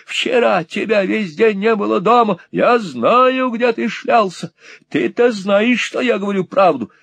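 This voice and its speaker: A man's voice: high voice, measured pace, vocal fry, fairly bright tone, no room sound, pitched above the performer's own voice, exaggerated voice. A man voicing a furious middle-aged laundress woman who screeches accusations in an audiobook. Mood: shrieking rage. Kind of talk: audiobook character voice.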